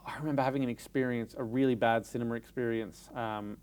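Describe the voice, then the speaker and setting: An Australian man co-hosting a casual chat, emphatic and animated when telling stories. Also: medium pitch, fast talker, clear, resonant tone. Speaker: podcast co-host. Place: cinema.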